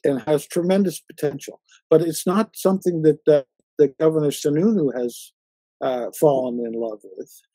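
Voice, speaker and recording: A man hosting a conversational interview, talking haltingly with many fillers and restarts. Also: fairly high pitch, mellow, no room sound, rough recording. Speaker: interview host.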